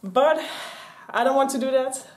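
A Dutch woman in her twenties speaks in a high voice at normal speed, chatting casually to a camera set on a stand. She rambles and gestures a lot in a small indoor craft room with shelves and mannequins, where the sound echoes.

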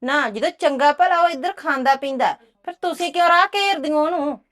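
A woman playing a sharp-tongued scolding housewife. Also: high voice, a little fast. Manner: scolding, cursing. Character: sharp-tongued village housewife, angry and proud. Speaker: actress. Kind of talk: village drama dialogue.

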